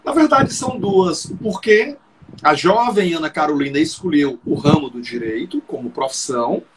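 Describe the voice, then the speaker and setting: Ceremonious male host, high voice. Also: animated, normal speed, noisy background. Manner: ceremonious, flowery phrasing. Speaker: host, professor. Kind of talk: formal live-stream interview. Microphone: video call.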